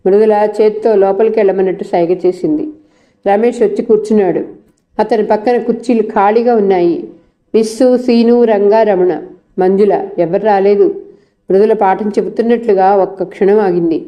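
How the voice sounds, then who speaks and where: A woman narrating a novel in a steady storytelling manner. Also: mid-range voice, moderate pace, highs cut off.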